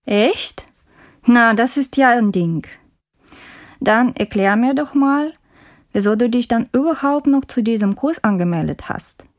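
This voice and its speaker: A curious, polite course student interviews her new classmate, played by a woman in a scripted textbook dialogue. Her voice sits a little high and every word comes out clear and careful. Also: expressive, unhurried. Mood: friendly, curious.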